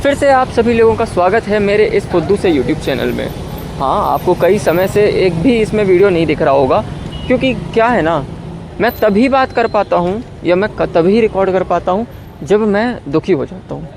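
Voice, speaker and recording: A young man talks to his vlog audience in a wry, rambling monologue, and his voice sits slightly high. He mocks himself and stretches his English phrases out slowly in a lower voice. Traffic from a nearby road runs clearly behind him. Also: animated. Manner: wry and self-mocking, sliding into slow, lower, drawn-out English. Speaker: YouTuber.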